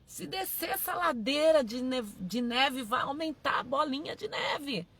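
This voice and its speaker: A woman's voice: high-pitched, lively intonation, measured pace, fairly bright tone. Emphatic woman pastor preaching. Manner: emphatic, repeating phrases, addressing listeners as "gente". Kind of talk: sermon.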